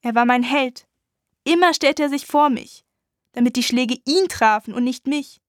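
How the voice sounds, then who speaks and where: A woman narrating a dramatic first-person audiobook in a slow, hushed, intense way. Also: sits high, dry recording, clean studio sound.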